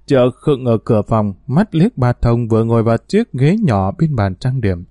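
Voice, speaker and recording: Mellow-voiced male audiobook narrator. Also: medium pitch, animated, normal speed, no echo, clean studio sound.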